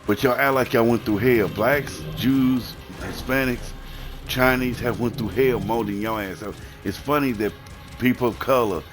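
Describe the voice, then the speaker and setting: A man's voice: medium pitch, moderate pace, over music. A man ranting heatedly on a live stream, swearing often and repeating his points. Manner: heated, profane, repetitive ranting.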